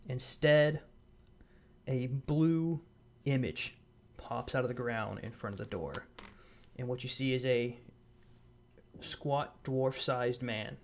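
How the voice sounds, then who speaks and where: A man running a tabletop game as game master, describing scenes in measured detail with small restarts, on a voice call. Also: medium pitch, darkish tone, slight background noise.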